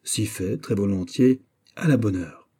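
A calm, cunning bishop, voiced by a male narrator questions his host in a measured, insistent tone. The voice is low, dark and husky. This is a classic novel read aloud. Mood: smooth. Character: calm, shrewd male bishop, smoothly probing.

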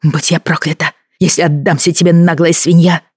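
A defiant young woman and former nurse, voiced by an audiobook reader speaks with heated indignation that flares into outright shouting. The sound is close and dry. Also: lowish voice, expressive, normal speed, slightly rough, no echo. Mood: indignant.

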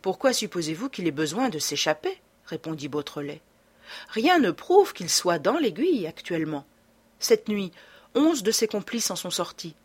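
A woman's voice: fairly low pitch, sing-song, normal speed, slightly rough. A woman reading aloud voices a confident young amateur detective in a storybook. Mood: assured.

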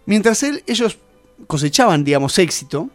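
Male radio host, slightly high voice, loose explanatory chat, dry studio sound. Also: very animated, normal speed, dry recording, soft background music. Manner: rambling, explanatory, many "eh" fillers. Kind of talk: casual radio chat about music.

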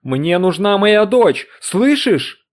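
A man voicing a distraught, grieving middle-aged woman in an audiobook reading, pleading and climbing into shrill cries. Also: moderate pace, darkish tone, close to an everyday voice. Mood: frantic. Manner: pleading, rising to shrill screams.

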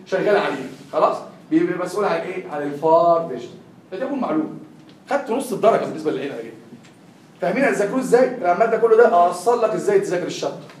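A man's voice: high voice, animated, racing, darkish tone, slight background noise. A young man with an Egyptian accent tutoring a class, quizzing the students with constant questions in a classroom lecture. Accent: Egyptian Arabic. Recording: echoey room, heard from far off.

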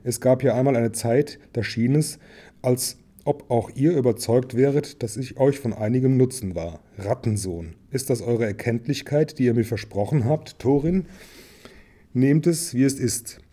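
A man's voice: mid-range voice, moderate pace, mellow, close to an everyday voice. A man reading aloud and voicing a small, frightened male hobbit who speaks nervously and apologetically.

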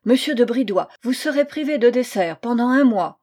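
A woman reading the part of a flustered male priest who is stern with his pupils, in a mellow voice with commanding, agitated delivery. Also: on the high side, animated, unhurried, slightly rough.

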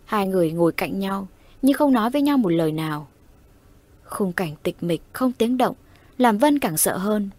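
A woman narrating a horror audio story in a steady, suspenseful way. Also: medium pitch, normal speed, no echo.

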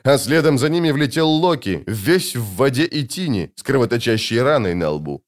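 A man reading an audiobook with measured, dramatic narration. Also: medium pitch, sing-song.

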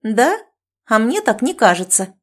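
A woman's voice: fairly high pitch, lively intonation, moderate pace, darkish tone. A woman voicing a domineering, self-certain female friend who lectures and commands in a sarcastic tone, in an audiobook. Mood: angry. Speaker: language teacher.

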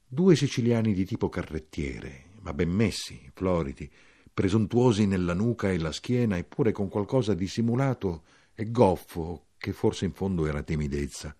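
Man reading a novel aloud, really deep voice but lots of movement in it. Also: husky. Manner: measured, expressive reading. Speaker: audiobook reader. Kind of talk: scripted literary narration.

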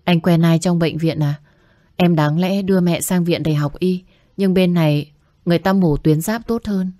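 A woman voicing a humble young medical student who speaks politely and pleads softly, recorded dry. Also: fairly low pitch, moderate pace, no room sound, lightly acted. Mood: pleading.

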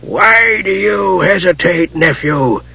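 A man voicing a menacing old male archmage with a dry, rasping voice, soft and slow. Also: high voice, animated, dull audio, voice pushed up, full character voice. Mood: cold.

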